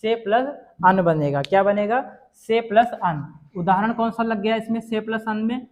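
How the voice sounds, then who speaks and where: A man teaching a grammar lesson, sounding out words slowly and asking the viewer whether they understood. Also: sits high. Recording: dull lo-fi sound.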